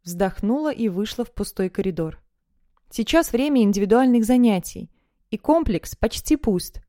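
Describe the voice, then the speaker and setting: A woman narrating an audiobook in the first person, in a lively, conversational way. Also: medium pitch, normal speed, no echo, clean studio sound.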